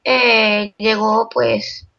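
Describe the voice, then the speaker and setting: A young woman from Venezuela, a guest illustrator in a casual interview, chatty and quick-talking. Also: fairly high pitch, level tone, gravelly, pushed and bright, dull audio.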